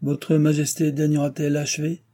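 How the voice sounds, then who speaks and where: Soft-spoken young prince, read by a man, dark husky tone, storybook. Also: a little high, monotone, pitched above the performer's own voice, natural voice. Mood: restrained. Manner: soft, measured. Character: dauphin, young prince, mild and restrained. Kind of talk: audiobook reading.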